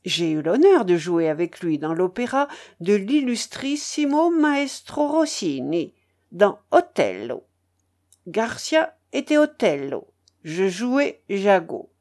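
A woman reading the part of a vain old Italian tenor from a storybook, swooping wildly up and down as he brags, his voice wobbling and hoarse. He is pompous and theatrical, dropping grand Italian phrases, and takes his time over every boast. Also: medium pitch, big pitch swings, slow pace, a little mellow. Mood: boastful. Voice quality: tremulous, hoarse when singing. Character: boastful old Italian male ex-opera singer.

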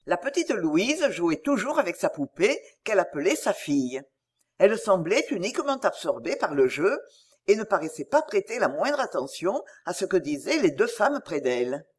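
A woman narrating a novel aloud as an audiobook, with expressive storytelling. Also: fairly low pitch, normal speed, slightly rough.

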